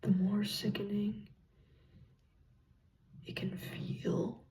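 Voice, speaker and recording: A soft, breathy whisper delivers a reassuring ASMR pep talk. The pace is very unhurried, with gentle pauses between short phrases. The tone is mellow, and the voice sits a little away from the mic. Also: mid-range voice, level tone, far from the mic. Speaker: ASMR content creator.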